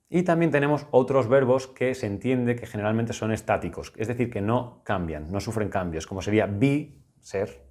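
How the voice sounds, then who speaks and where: A man's voice: lowish voice, a little mellow. A young man from Spain with a Spanish accent, teaching English grammar in a recorded video lesson, patient and explanatory, repeating key points.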